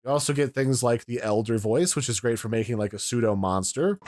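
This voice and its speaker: A man's voice: medium pitch, brisk, a little mellow, a little hiss or hum. A man giving a casual, explanatory demo of audio mixers, pointing out their controls, recorded at home. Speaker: tech reviewer. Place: home room.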